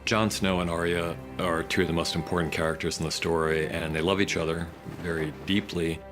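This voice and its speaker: A man with a low-pitched voice speaks as a series creator in a behind-the-scenes interview. He explains things in a conversational way, with music clearly playing behind him. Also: steady tone, a little fast. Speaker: series creator commenting on episode.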